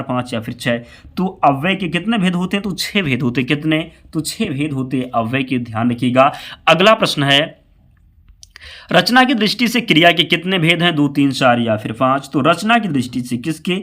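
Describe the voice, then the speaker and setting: A slightly hoarse man with a fever, teaching an exam-prep quiz lesson. He reads out each question and its options, repeats the answer and keeps telling the viewer to keep it in mind. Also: a little high, animated, normal speed, a bit bright.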